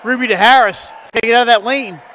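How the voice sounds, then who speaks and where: A man calling live high school basketball play-by-play, quick and jokey, his voice jumping up on big plays. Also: bright, forceful tone, a little hiss or hum. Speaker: play-by-play announcer.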